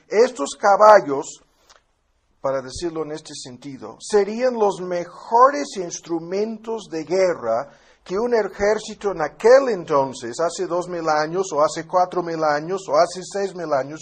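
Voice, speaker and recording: A man teaching a Bible class, explaining at a relaxed pace with tag questions and fillers, and reading scripture aloud before commenting on it. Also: high voice, breathy edge.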